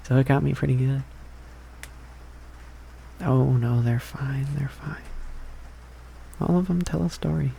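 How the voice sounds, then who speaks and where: Man acting as a young boyfriend, ASMR role-play, affectionate and playful, gravelly creak, unhurried, soft rambling delivery, faint background noise. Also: mid-range voice, rough recording. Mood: relaxed, rambling. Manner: rambling, hesitant, chuckling. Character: affectionate, playful, slightly needy young boyfriend at pillow talk. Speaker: ASMR performer.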